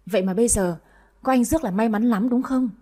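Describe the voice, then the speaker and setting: A woman voices a cheerful young husband who jokes and teases in an audio story. He stays polite and easygoing. The voice is mellow and husky. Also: a little high, quick pace. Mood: joking. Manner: playful, polite.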